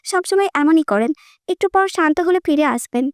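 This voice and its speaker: A middle-aged son calms his worried family in an audiobook story, voiced by a woman reader. He speaks soothingly in a high voice, recorded close and dry. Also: normal speed, no room sound. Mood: calming.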